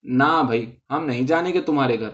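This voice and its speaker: A man's voice: medium pitch, fairly bright tone, lightly acted. A man voicing a proud, touchy seven-year-old girl who makes demands, in a dull lo-fi recording. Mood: pouty. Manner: pouty, demanding.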